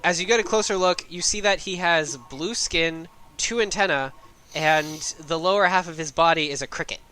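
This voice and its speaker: A man's voice: on the high side, moderate pace, pushed and bright, smooth. A man narrating as game master of a tabletop game, casual, often laughing and correcting himself mid-sentence.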